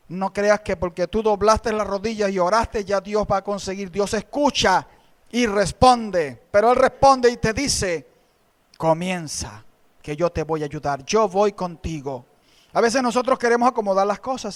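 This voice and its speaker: A man preaching a sermon, swinging from loud shouts to hushed, intimate asides. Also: high voice. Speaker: pastor. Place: church.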